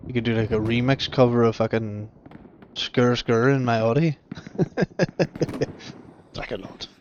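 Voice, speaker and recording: A man's voice: medium pitch, little pitch movement, moderate pace, background noise. A man giving casual, jokey live commentary on a game stream, swearing freely and laughing often. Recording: muffled stream audio with loud game gunfire. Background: gunfire, artillery and vehicles from the game.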